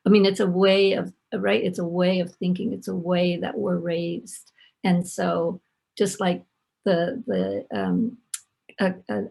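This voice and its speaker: Older woman panelist, thoughtful, rasp and fry in the voice, joins by video call. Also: fairly low pitch, a little mellow. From Los Angeles, United States. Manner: reflective, repeats words, asks rhetorical "right?". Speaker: panelist, former professor. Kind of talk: panel discussion. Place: home, remote video call.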